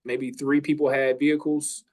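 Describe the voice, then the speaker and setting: A man's voice: on the high side, level tone, normal speed, a little mellow, low-quality recording. A man hosting a campus talk, telling a story in a casual way, full of ums and restarts. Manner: hesitant, many ums and restarts.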